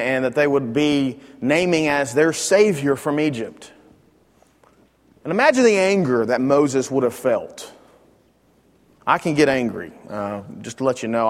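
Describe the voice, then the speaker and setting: In a church classroom, a man with a medium-pitched voice teaches a Bible lesson into a microphone, loud and emphatic, often restarting his words. A long reverb tail follows his speech.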